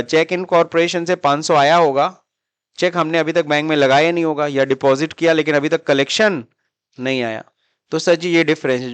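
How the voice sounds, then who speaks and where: A male accounting teacher from India lecturing in Hindi sprinkled with English terms, checking in with his students through constant little questions. His voice sits a bit high, and the recording is close and dry with no room echo. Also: smooth. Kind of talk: classroom lecture.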